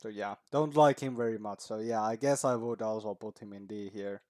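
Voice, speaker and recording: A man's voice: on the low side, a little fast, dark tone. A man hosting a reaction video, speaking casually, swearing often and chuckling at his own remarks.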